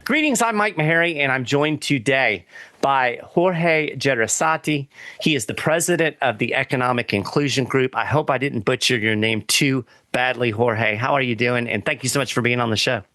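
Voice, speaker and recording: Bright-voiced Kentucky man hosting. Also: medium pitch, moderate pace, no echo, clean studio sound. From Kentucky, United States. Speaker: show host, interviewer. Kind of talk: casual interview.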